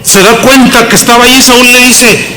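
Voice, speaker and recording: A man's voice: very high-pitched, a little fast, poor audio. A man preaching a sermon with a Mexican Spanish accent, acting out the dialogue in the stories he tells. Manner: animated storytelling, acting out dialogue. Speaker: pastor.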